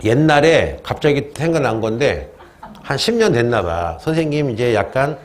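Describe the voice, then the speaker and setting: A man's voice: medium pitch, big pitch swings, normal speed, a little hiss or hum. A man teaching a history class in a classroom, joking with students and asking questions he answers himself. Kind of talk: classroom lecture.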